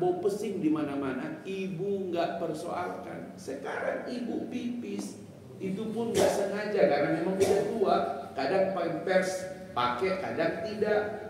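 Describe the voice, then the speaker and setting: Seorang ustaz pria di aula masjid bergema, suara agak tinggi, terdengar dari jauh. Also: male voice, on the high side, darkish tone, slight background noise. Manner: dramatic storytelling, acting out voices. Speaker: preacher. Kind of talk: dawn mosque sermon with storytelling. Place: mosque hall. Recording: echoey hall from far off.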